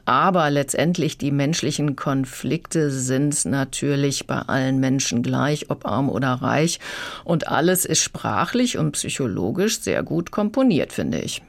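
Radio book critic, mid-pitched voice, thoughtful evaluative delivery.

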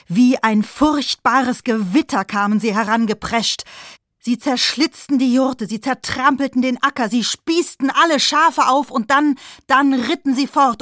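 A woman storyteller telling a folktale to listeners, with expressive delivery that speaks to them directly. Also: a little high, dry recording, studio quality.

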